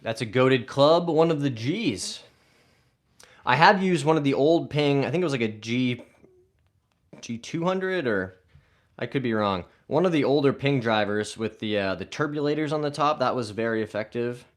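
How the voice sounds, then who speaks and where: A man's voice: medium pitch, animated, normal speed. A man hosting a golf live stream, casually reading viewer comments aloud and answering them in an upbeat way.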